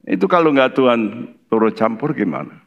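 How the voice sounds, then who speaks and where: A man's voice: mid-range voice, big pitch swings, a little fast, muffled recording. An older man with a Javanese accent preaching a sermon in church, telling folksy stories and acting out the voices in them. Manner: folksy storytelling, acts out voices in his stories. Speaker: pastor.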